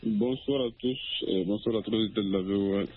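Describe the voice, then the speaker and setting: A man's voice: fairly low pitch, fast. Hesitant man calling in by phone. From Mali. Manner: hesitant, many fillers. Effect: phone line. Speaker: caller. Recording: muffled husky phone line.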